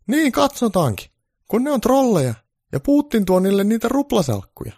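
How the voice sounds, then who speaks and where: A man voicing a sharp-tongued old grandmother in a shrill, cheeky falsetto for a comic story. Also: wildly swooping pitch, no echo, studio quality, full character voice. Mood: snippy.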